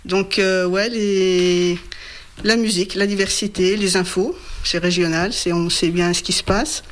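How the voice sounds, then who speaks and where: A woman's voice: fairly low pitch, steady tone, measured pace, a little hiss or hum. A woman in her thirties from Burgundy, a radio listener answering shyly and briefly in a casual interview at home. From Burgundy, France. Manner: shy, hesitant, short answers. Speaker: radio listener being visited.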